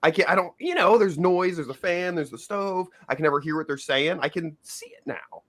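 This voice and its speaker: A man co-hosting a podcast in rambling, casual chat, full of fillers. His pitch swings widely as he talks. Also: brisk. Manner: rambling, animated, filler-heavy. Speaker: podcast co-host.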